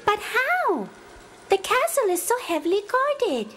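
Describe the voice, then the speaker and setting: A woman voicing an earnest, tender young girl with wide-eyed, expressive storytelling in a children's audio drama. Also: very high-pitched, unhurried, a little hiss or hum, exaggerated voice. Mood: earnest, worried.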